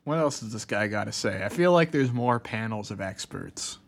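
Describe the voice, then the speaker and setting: A man's voice: fairly low pitch, expressive, normal speed, vocal fry. A man co-hosting a casual podcast chat, blunt and sarcastic. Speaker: podcast co-host.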